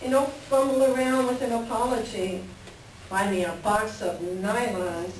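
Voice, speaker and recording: At a library reader's theater reading, a woman plays a lonely, frustrated farm wife, delivering conversational dialogue in a plain-spoken, wistful way with a resigned, frustrated mood. Her fairly high voice is natural, steady and unhurried. The recording is echoey and from far off, with faint noise.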